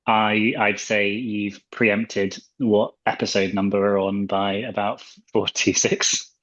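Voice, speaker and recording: A man's voice: lowish voice, little pitch movement, takes it slowly, a bit bright. A man hosting a casual chat, joking and playful with his guests. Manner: playful, joking and laughing along. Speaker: host. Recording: dull lo-fi sound.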